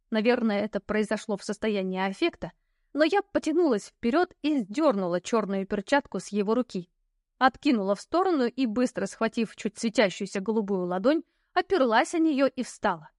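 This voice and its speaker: A woman with a fairly high voice reads a first-person fantasy audiobook. Her telling is lively and wry. The sound is dry and close, with no room around it. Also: no room sound. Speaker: audiobook narrator.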